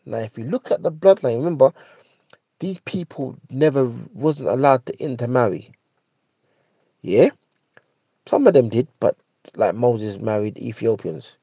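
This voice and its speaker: A man with a London roadman accent speaks in a husky, mellow voice, close and dry. He talks casually in street slang, emphatic and opinionated, repeating himself and tagging points with little questions to the listener. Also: mid-range voice, dry recording, low-quality recording. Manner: emphatic, repeats phrases, seeks agreement with tag questions. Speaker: podcast host.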